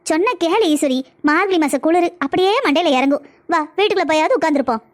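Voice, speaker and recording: Woman as older cartoon mother-in-law, southern Tamil accent, soothing, coaxing, quick. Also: extremely high pitch, lively intonation. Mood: caring. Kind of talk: cartoon voice acting.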